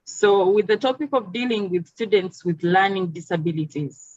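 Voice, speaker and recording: A woman's voice: medium pitch, darkish tone, no room sound. Woman from uganda giving a talk on a video call, lots of ums, dull dry audio. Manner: measured, many "um" pauses. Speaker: teacher and teacher trainer. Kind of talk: online webinar presentation.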